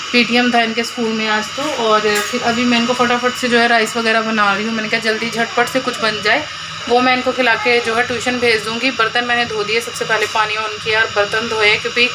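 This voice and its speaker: A woman in her thirties, hoarse from a cold and coughing, rambles through a casual daily vlog as a housewife in her home kitchen, her pitch steady, narrow and on the high side. She's chatty and uses lots of fillers. Her phone camera starts as a selfie and is then propped up across the room, and a pump motor makes the recording noisy.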